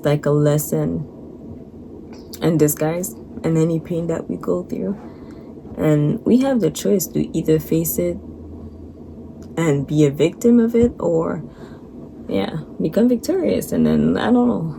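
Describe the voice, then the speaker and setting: A young woman vlogging her personal faith testimony, earnest and halting, holding back tears. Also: on the low side, vocal fry, warm tone. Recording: noisy background.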